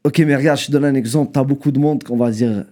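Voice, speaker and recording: Laid-back rapper, mellow voice. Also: male voice, mid-range voice, fast talker. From Montreal, Canada. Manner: relaxed, mixes English words into French. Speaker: rapper guest. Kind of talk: casual interview.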